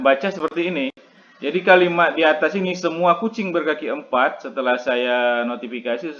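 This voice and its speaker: Man lecturing on logic, lo-fi. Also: mid-range voice. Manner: checks in constantly with listeners, many fillers. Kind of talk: casual math lecture.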